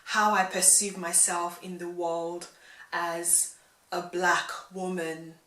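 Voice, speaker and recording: A young vlogger of English and Nigerian heritage talks directly to a front-facing camera in head-and-shoulders framing, chatty and animated with hand gestures and frequent laughter. Her voice is lowish and slow, and the room against her plain grey wall sounds echoey.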